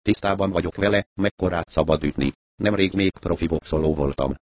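A man voicing a gruff, grumbling former boxer. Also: a little mellow, dry recording, lightly acted. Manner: grumbling, rumbling.

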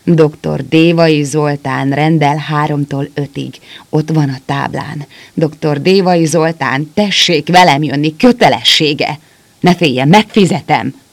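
A man voicing an old, desperate soldier and father who pleads in a halting, breathless way. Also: fairly high pitch, vocal fry. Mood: threatening.

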